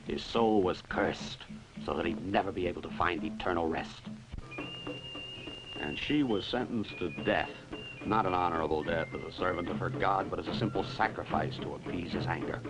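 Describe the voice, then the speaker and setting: An actor playing a grave eyewitness in a dubbed old horror film, telling the tale in a solemn, measured, declamatory style. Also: male voice, low voice, music in the background, low-quality recording. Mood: solemn, ominous. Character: grave male eyewitness recounting an ancient curse. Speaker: film narrator.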